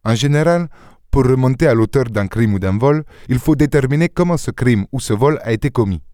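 A man reading an audiobook, voicing a calm, self-assured gentleman detective who explains his reasoning in a slightly lecturing tone. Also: mid-range voice, normal speed, no echo, clean studio sound, lightly acted.

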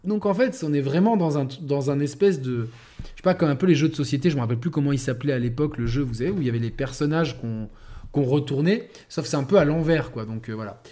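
A man's voice: a little high, fast, dark tone. A man reviewing a video game in a casual, rambling way, often restarting his sentences. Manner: rambling, many restarts and fillers.

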